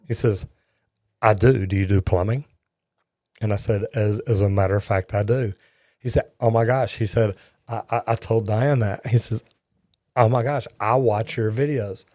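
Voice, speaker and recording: A man's voice: on the low side, dry recording, clean studio sound. A man hosting a live plumbing Q&A, telling stories in a folksy way and often repeating words as he talks. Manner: folksy storytelling, repeats words when excited. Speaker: plumber and live show host. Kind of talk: casual live Q&A chat.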